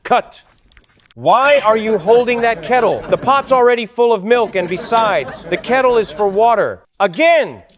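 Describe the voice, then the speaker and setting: A man's voice: high-pitched, animated, measured pace, slight background noise. A man playing a film director on set, calling cut and again in a bossy, exasperated way. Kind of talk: scripted comedic narration.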